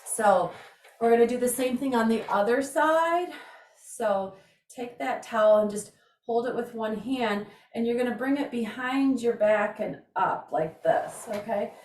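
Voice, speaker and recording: A woman's voice: a little high, a little mellow. A woman leading an exercise class as instructor, giving informal, encouraging cues with casual chat and counting. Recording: roomy echo, distant microphone.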